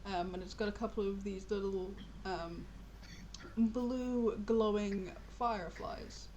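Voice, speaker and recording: A woman narrating as game master of a tabletop game, telling it in a relaxed, filler-heavy way. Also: medium pitch, slow, a little hiss or hum, rough recording.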